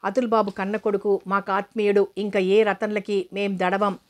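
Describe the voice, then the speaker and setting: A woman's voice: mid-range voice, little pitch movement, normal speed, natural voice. A woman reading the lines of a stubborn, defensive poor village man in a storybook reading.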